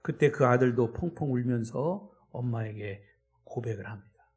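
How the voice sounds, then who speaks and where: A male pastor preaching a sermon in a church. He swings between loud, emphatic declarations and hushed storytelling. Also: mid-range voice, normal speed.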